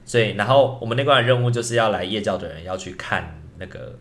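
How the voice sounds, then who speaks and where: A man's voice: lowish voice, lively intonation, quick pace. A man, casually telling a ghost story on a podcast at night, rambling with lots of fillers and restarts. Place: indoor recording at night.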